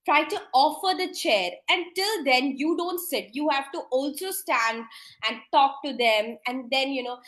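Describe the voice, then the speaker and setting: Brief: female tutor, higher register, sharp and bright tone, talks through a lesson in a loose, explanatory manner. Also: animated, unhurried, poor audio. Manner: explanatory, with frequent fillers. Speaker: medical exam tutor. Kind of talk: spoken exam lesson.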